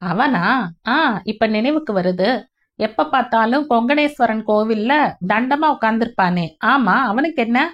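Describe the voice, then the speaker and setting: A woman's voice: on the high side, lively intonation, normal speed, highs cut off, pitched above the performer's own voice, natural voice. A woman reading the lines of a blunt, irritated middle-aged man in an audiobook, speaking with a raised voice. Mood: surprised.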